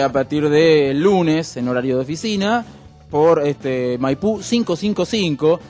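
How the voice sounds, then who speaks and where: A man with an Argentine accent hosting a radio show, explaining things in a wry, relaxed way with lots of fillers. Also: fairly high pitch. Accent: Argentine Spanish. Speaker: radio host. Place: radio studio.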